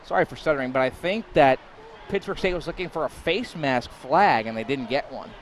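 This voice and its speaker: A young man giving live college football play-by-play, excitable, rising to shouts on big plays and sometimes stumbling over his words. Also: fairly high pitch, fairly quick, slight background noise. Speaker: play-by-play commentator.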